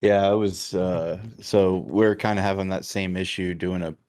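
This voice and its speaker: Low-voiced man thinking aloud. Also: fairly even intonation, a little mellow. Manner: measured, thinks aloud with many fillers. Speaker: game developer. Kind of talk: casual chat on a live stream.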